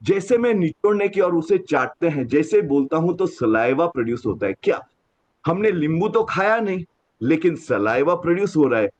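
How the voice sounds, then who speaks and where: A man leading a laughter yoga class, counting aloud and explaining the exercises, switching into slow, deliberate English phrases. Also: fairly high pitch, animated, darkish tone. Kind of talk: guided group exercise with explanations. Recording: dull lo-fi sound.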